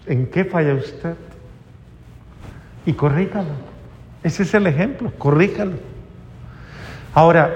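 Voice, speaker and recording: Male preacher, slightly high voice, emphatic sermon, dull recording with long hall reverb. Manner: emphatic, swings between loud and hushed.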